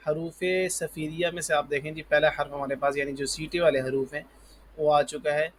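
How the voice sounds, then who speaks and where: A man with a fairly high voice teaches the alphabet for Quran reading. He calls out each letter slowly and loudly, then explains its sound in a quieter, patient way. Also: flat delivery, a little hiss or hum. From Pakistan. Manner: patient, repeats "ji" and "parh lijiye". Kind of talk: alphabet lesson.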